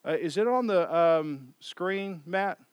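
A man's voice: sits high, expressive, slow pace, clean tone, no room sound. A man preaching a sermon in a loose, conversational way, often repeating and restarting phrases. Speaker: pastor.

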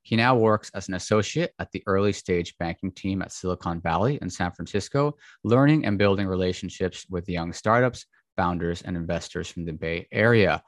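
A man hosting a podcast, introducing a guest and asking questions in a steady manner. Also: low voice, moderate pace, no room sound, clean studio sound. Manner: steady, reads bio then chats. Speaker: podcast host. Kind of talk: scripted intro then casual chat.

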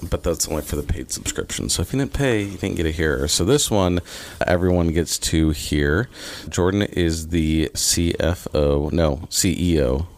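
A man with a very low, deep voice talks casually as a podcast co-host. He is recorded on a mic in a meeting room. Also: normal speed, hardly any pauses. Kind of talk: casual chat. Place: conference room.

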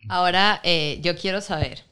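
A woman hosting a podcast, asking questions in a playful, lively way. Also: fairly low pitch, moderate pace, clear, resonant tone. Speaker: podcast host. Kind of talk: casual podcast chat.

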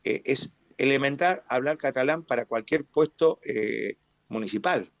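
Proud Argentine announcer, dry sound. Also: male voice, medium pitch, a little slow, gravelly, no room sound. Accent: Argentine Spanish, Mar del Plata. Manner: animated storyteller, proud and expansive. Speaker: sports stadium announcer. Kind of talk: radio interview.

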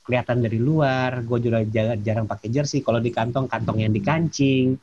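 A man, a cycling guest in casual chat, explaining things slowly with many fillers. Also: medium pitch, highs cut off. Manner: relaxed, explains step by step with fillers.

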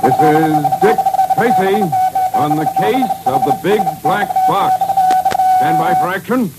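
A man announcing the opening of an old radio show with a booming, showy delivery, heard as an old radio broadcast. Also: wildly swooping pitch, slow, over loud music, rough recording. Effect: old radio broadcast sound.

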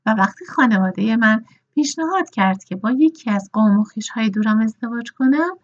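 A woman's voice: on the high side, expressive, dull audio. A woman voicing a frank, opinionated older lady horse breeder who lectures those around her.

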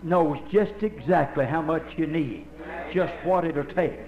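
Older preacher in an echoey church. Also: male voice, fairly high pitch, measured pace, muffled recording, a crowd in the background. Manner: folksy, impassioned storytelling preaching. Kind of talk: Holiness sermon. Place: church with congregation. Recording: echoey live church recording.

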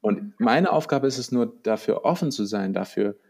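A man's voice: lowish voice, animated, moderate pace, darkish tone. A man reflecting on spiritual ideas in a conversation, searching for words with frequent restarts. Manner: uses English loanwords.

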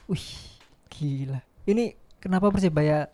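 A man co-hosting a football podcast, talking in a relaxed way that often trails off. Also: on the high side, a little slow. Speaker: podcast co-host. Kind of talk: casual football chat.

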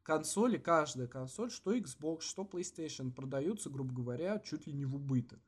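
A man co-hosting a podcast in casual, slangy chat with swearing, halting with many false starts and repeats. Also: on the high side, lively intonation, husky. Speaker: podcast co-host.

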